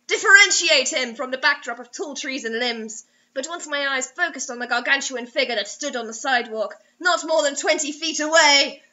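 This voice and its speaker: Acting as co-host, a young adult woman performs a story reading with theatrical sarcasm, her high, bright voice breaking off to mock it. The recording sounds dull and lo-fi, as if from a webcam in a small room.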